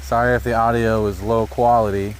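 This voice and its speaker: Man on low-quality built-in camera mic audio. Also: flat delivery, brisk, slight background noise. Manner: chatty, explains as he drives. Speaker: RC crawler hobbyist. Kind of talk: casual hobby vlog narration. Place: outdoors on a rocky trail. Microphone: neck-mounted camera.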